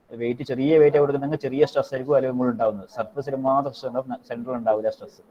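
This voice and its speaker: Guy teacher on an online class call, talks fast, keeps asking if students get it, dull muffled audio. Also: mid-range voice, dark tone. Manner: mixes Malayalam explanation with slow dictated English notes; repetitive, checks in with students often.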